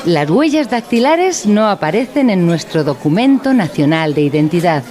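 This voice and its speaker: A woman with a lowish, darkish voice and big pitch swings speaks at normal speed as the narrator of a radio play parodying educational programs. In the role of a pedantic instructor, she lectures formally and solemnly with pompous phrasing.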